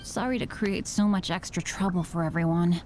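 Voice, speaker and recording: A woman's voice: fairly low pitch, steady tone, normal speed, darkish tone, slight background noise, close to an everyday voice. A woman voicing an earnest, upbeat, unlucky teenage boy adventurer in an anime-style video game. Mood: apologetic. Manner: eager, boyish, earnest.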